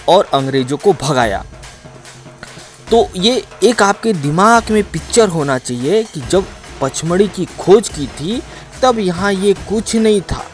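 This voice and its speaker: Dramatic male travel narrator over music. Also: on the high side. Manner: dramatic storytelling, repeats for emphasis. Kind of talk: voice-over narration of a trek video.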